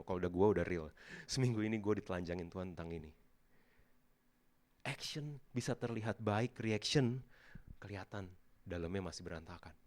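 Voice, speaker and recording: Man, thirties, pastor, lively sermon, laughs often. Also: fairly low pitch. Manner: animated, mixes English into Indonesian, laughs often. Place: church auditorium.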